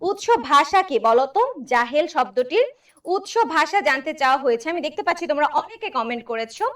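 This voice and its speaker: A young woman with a high, light voice leads a live online class and works through exam questions. She repeats each key word and keeps asking her students to answer. Her voice sounds a little distant from the mic. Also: lively intonation, a little fast, a bit bright. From Bangladesh. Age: young adult. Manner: repeats key words, quizzes students, urges sharing. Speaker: Bangla tutor for university admission.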